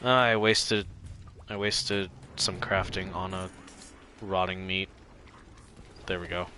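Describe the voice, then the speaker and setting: A man's voice: low-pitched, fairly even intonation, slow, noisy background. A man with a congested, stuffy nose, casually commentating on his own video game play in muttered reactions.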